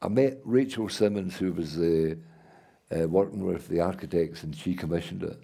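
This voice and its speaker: An older Scottish man telling rambling stories full of halting restarts, as the guest in an onstage conversation before an audience. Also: sits low, gravelly, warm tone, breathy edge. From Scotland. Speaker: guest artist and playwright. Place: event hall before an audience.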